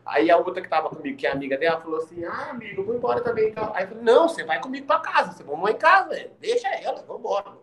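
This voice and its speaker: Man, high lively voice, fast, boastful storytelling, video call chat. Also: low-quality recording. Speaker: podcast guest on video call.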